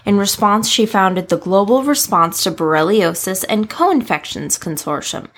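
A woman co-host reading a prepared introduction of the guest in an even, read-aloud way. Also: mid-range voice, moderate pace.

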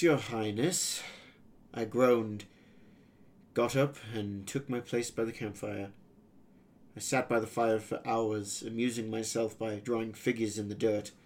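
Male narrator for a fantasy serial; steady, even first-person storytelling. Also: medium pitch.

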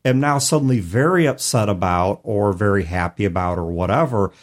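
An American man co-hosts a conversational podcast about role-playing games, laying out his points in long, carefully qualified sentences. His voice sits on the low side and he talks briskly.

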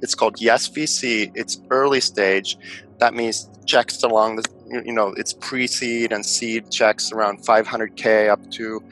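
Middle-aged Finnish-born male investor guest, low bright voice, hesitant and reflective, faint music underneath. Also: steady tone, measured pace, poor audio. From Finland. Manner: thoughtful, many fillers and restarts. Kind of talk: conversational interview answers.

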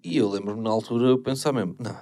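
A man's voice: medium pitch, quick pace, mellow. A man chatting casually as a podcast host, informal and slangy, often hesitant. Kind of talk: casual chat.

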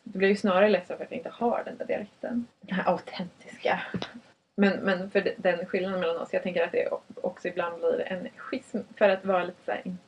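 A woman's voice: fairly low pitch, fairly even intonation, slight background noise. A young woman from northern Sweden, co-hosting a podcast in a reflective, casual chat, laughing often and restarting her sentences. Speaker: podcast co-host. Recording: muffled, distant from the mic.

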